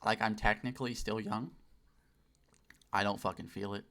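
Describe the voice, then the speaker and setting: While playing on a livestream, a man in his late twenties talks casually in a customer service voice he lifts on purpose. The voice is lowish, creaky, and sharp-toned with fairly even intonation, and he swears and makes fun of himself.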